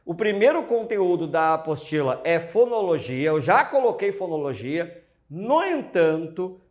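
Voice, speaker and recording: Man, Brazilian accent, teacher, exam-prep lecture, emphatic, lively pitch. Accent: Brazilian Portuguese. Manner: lively, emphatic, addresses students as "gente". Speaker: Portuguese language teacher.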